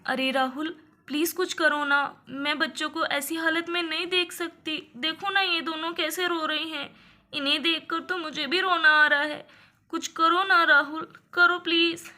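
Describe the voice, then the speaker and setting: A woman's voice: high voice, steady tone, normal speed, bright, forceful tone. A woman voicing a worried young mother in a doll story. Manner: fussing, anxious.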